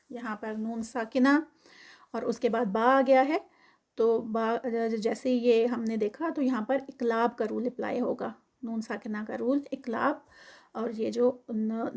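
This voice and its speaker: High-pitched woman tajweed teacher; recites slowly, then explains briskly. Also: gravelly, a little mellow. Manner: slow drawn-out recitation alternating with quick explanation.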